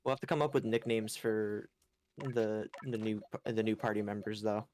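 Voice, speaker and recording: A man's voice: fairly low pitch, fairly even intonation, moderate pace, a little mellow, a little hiss or hum. A man streaming a game, chatting casually, rambling and yawny, making fun of himself. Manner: rambling, self-mocking, yawny. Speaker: gaming streamer. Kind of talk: casual chat over gameplay.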